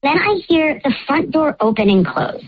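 A woman's voice run through a voice changer that pushes it very high, heard over a dull, lo-fi call-in line. She tells her story in a chatty, rambling way, with "like" in almost every sentence. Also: big pitch swings, moderate pace. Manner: chatty, fills speech with "like". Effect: voice changer disguising her voice. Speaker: caller confessing a secret on a radio show. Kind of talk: telling a personal story.

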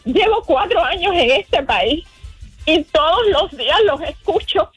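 A woman from Cuba calling in to a radio show, tearful and excited, talking in halting bursts. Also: very high-pitched, no room sound, faint music behind. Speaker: radio caller. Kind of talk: emotional phone-in chat.

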